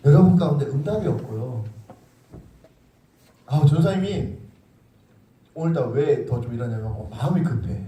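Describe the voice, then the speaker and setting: A young male youth pastor preaches to teenagers in a loose, teasing way, his pitch swinging widely as he acts out little scenes. His voice sounds mellow and slightly higher than most men's. It was recorded in a roomy, echoing church hall with the mic some distance away. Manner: informal, teasing, acts out quotes with laughter. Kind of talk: sermon to middle schoolers. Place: church sanctuary. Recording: echoey room, far from the mic.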